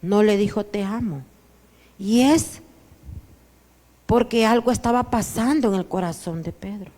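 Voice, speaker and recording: A woman's voice: mid-range voice, measured pace. Honduran woman pastor preaching in a reverberant hall. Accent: Honduran Spanish. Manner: preaching with sudden loud declarations and soft asides. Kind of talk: sermon. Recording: church hall with long reverb.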